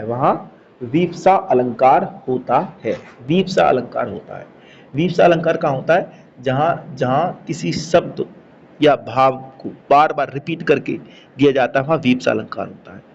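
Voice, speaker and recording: A man's voice: medium pitch, a little mellow. A man teaching a Hindi grammar lesson, explaining step by step, repeating key words and checking that students follow. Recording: slightly dull recording with faint background noise.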